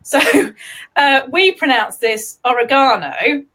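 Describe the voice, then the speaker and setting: Giggly high-voiced English woman host. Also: very animated, moderate pace, a bit bright. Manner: giggly, chatty, laughs often. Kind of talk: casual live-stream chat.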